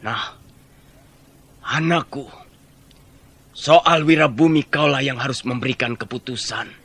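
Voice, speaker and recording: An actor playing a scheming, stern royal minister who speaks in a commanding, measured way in a radio drama. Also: male voice, mid-range voice, a bit bright. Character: scheming middle-aged male minister, stern, calculating.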